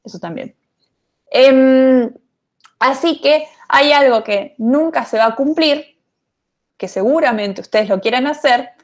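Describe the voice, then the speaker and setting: A woman lecturing on programming online, her voice sitting a little high for a woman. She talks loosely and thinks aloud, scattering fillers as she explains. It sounds like a casual remote class over a computer mic.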